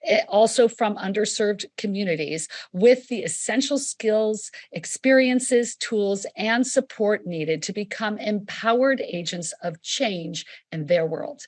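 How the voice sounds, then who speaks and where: A woman's voice: mid-range voice, measured pace, few pauses. A woman co-hosting a podcast in a chatty, affirming way, often asking the audience questions. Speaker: podcast co-host.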